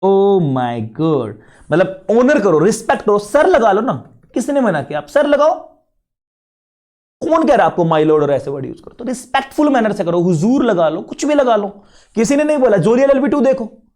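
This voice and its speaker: Sounding slightly unwell and short on energy, an Indian-accented teacher delivers a relaxed, talkative lecture to his class, dropping in English terms as he goes. His delivery is sing-song and fairly quick, with a darkish tone.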